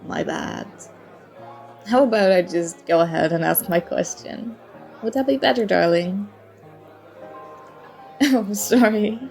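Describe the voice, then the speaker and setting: A woman speaks slowly, with vocal fry and long pauses, in a mid-range voice. She plays a charming, flirty stranger at a party bar in an acted, one-sided ASMR roleplay, teasing, coy, playful and mock-apologetic while soft music and party chatter play behind her.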